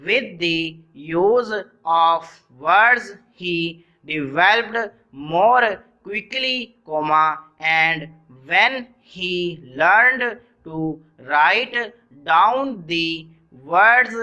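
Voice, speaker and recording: A bright, crisp-edged voice at a middle pitch, dictating at an extremely slow pace. The reader breaks sentences into short phrases and announces each punctuation mark, as in a dictation exercise. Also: animated, low-quality recording.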